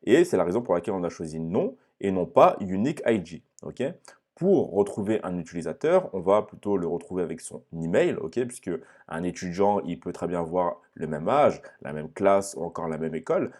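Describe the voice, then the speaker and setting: A young man walks through a software tutorial in a very low, husky voice. His tone is dark and mellow, and he paces his explanation step by step, frequently stopping to ask "ok?" into a close microphone. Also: very animated, fairly quick. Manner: explains step by step, often checking with "ok?". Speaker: online course instructor. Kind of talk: screen-share tutorial.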